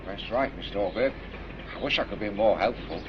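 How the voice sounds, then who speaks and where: An actor playing a chatty, helpful village stationmaster with an amiable, gossipy manner. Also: male voice, lowish voice, moderate pace, noisy background, lightly acted. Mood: friendly. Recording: dull 1960s film soundtrack.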